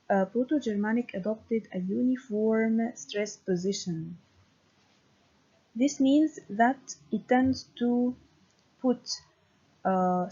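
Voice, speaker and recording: Slow, husky-voiced woman lecturing. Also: medium pitch, mellow. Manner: deliberate, with frequent fillers and checking "okay". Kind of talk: recorded university lecture. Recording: dull lo-fi recording.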